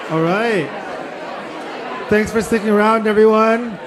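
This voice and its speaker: A man's voice: sits high, a loud crowd, heavy background noise. A man hosting a podcast interview on stage at a live venue, speaking with many fillers. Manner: filler-heavy, halting. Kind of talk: onstage interview. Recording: roomy venue with audience.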